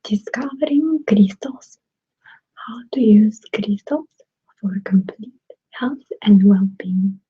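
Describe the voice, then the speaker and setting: A woman's voice: mid-range voice, expressive, slow pace, husky, exaggerated voice. A woman voicing a bossy young girl playing a strict teacher, in a put-on Russian accent, as whispered role-play. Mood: stern. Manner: stern, instructing. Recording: dry tinny phone-like sound.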